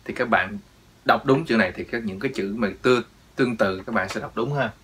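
Guy teaching english pronunciation, drills words over and over, bright lowish voice. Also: a little fast, slight background noise. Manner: drills words, repeats them with emphasis. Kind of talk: pronunciation lesson.

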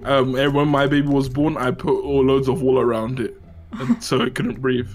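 A man's voice: mid-range voice, level tone, moderate pace, faint music behind. A man hosting a gaming video, teasing his teammate with mock-serious jokes and breaking into laughter. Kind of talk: playful gaming chat with pranks.

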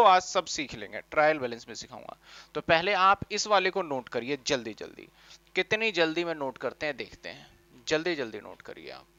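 A man teaches an accounting class in a bright, fairly high voice. He is animated and quizzes the class, then answers his own questions. The recording is dry and a little dull. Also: no room sound. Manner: animated, asks questions and answers them himself; speaks as the accounts in first person. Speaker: commerce teacher. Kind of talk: classroom lecture.

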